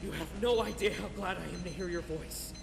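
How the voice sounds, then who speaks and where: A man's voice: high voice, fairly quick, creaky, noisy background. An actor playing a bewildered male sheriff in a horror video game, urgent and swearing. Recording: echoey game audio with music.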